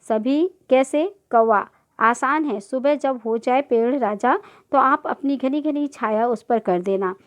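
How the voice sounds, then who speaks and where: A woman's voice: sits high, slow pace. Woman teacher reading a play aloud. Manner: voices each character's lines in turn. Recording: dull lo-fi recording.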